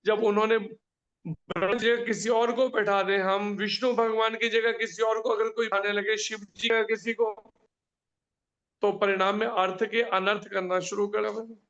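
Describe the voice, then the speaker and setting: ऊँची आवाज़ वाला आदमी, ऑनलाइन कक्षा में शास्त्र समझाता हुआ, धीमी-सी कॉल ध्वनि. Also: male voice, high-pitched, level tone, unhurried, a bit bright, highs cut off. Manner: explains with examples and small stories. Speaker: spiritual teacher. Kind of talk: scripture class with questions. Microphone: video call.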